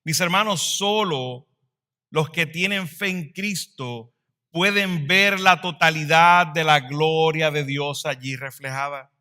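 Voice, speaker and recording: Male pastor mid-sermon; bright, pointed delivery, dynamic swells and quiet drops. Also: fairly high pitch, slow. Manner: dynamic preaching, swells louder then drops to a hush.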